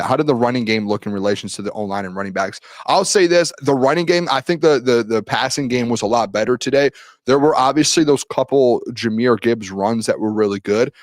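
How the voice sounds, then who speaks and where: Here a mid-range male voice, with no echo, belongs to a young sports-show host doing a solo live-stream recap of practice. He rambles and restarts frequently while reading chat comments out loud. He is losing his voice and clears his throat.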